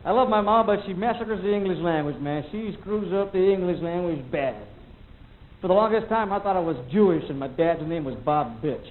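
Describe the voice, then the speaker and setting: A fairly high-voiced man working a stand-up set with a loose, rambling flow. He acts out little sound effects and quotes people in passing. The audio is thin and tinny, with faint tape hiss under it. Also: a little fast. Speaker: stand-up comedian. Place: comedy club stage. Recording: lo-fi VHS tape recording.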